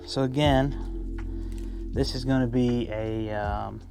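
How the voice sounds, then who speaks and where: A man's voice: medium pitch, steady tone, slow, creaky, over music. A man talking casually to viewers from his boat, explaining step by step how he ties a fishing rig, with plenty of ums and restarts. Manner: chatty, lots of ums and restarts, addresses viewers as guys. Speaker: fishing vlogger. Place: on a boat on a river. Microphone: first-person camera.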